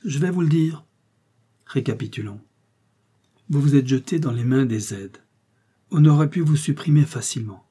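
A man voicing a rough, defiant male master criminal with a coarse, jeering way of talking, in an audiobook reading. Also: medium pitch, moderate pace, long pauses, warm tone, voice pushed up, lightly acted. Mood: taunting. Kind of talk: audiobook character voice.

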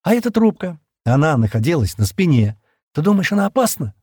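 A man's voice: sing-song, a little fast, a little mellow, husky, no room sound, studio quality. A man reading an audiobook, voicing a frightened, tearful young woman in a raised, pleading voice. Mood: plaintive. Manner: high, pleading, near tears.

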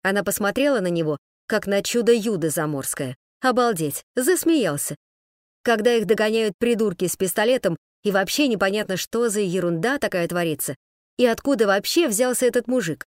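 A woman narrates an audiobook in a lively, ironic storytelling manner. Her voice sits at an ordinary middle pitch. The recording is dry and close, with no room echo. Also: normal speed.

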